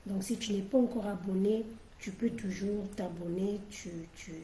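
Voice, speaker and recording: A woman's voice: fairly low pitch, dark tone, roomy sound, a little hiss or hum, low-quality recording. A woman preacher leading a livestream church service and opening a sermon. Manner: affirming, responsive.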